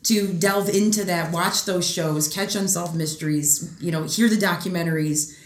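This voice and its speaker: A woman in her thirties from Michigan, a guest on a casual podcast chatting and telling a story with animated asides. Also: lowish voice, moderate pace, echoey room. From Michigan, USA. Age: 30s. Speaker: guest, ghost hunter and librarian.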